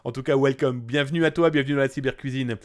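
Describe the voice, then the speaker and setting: A man's voice: medium pitch, fast. A man hosting a live cybersecurity news stream in a casual, jokey way, greeting viewers by name and reading their comments aloud. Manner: lively, swings between bursts and quiet asides.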